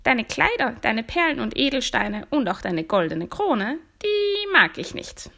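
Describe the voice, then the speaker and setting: A fat little frog from a storybook fairy tale, put on by a woman telling the story, who talks in a high, squeaky voice and keeps pleading to be let in. His voice leaps up high and comes out loud and pushy. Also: big pitch swings, a little slow, creaky, exaggerated voice. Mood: coaxing. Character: pleading fat old male frog in a well.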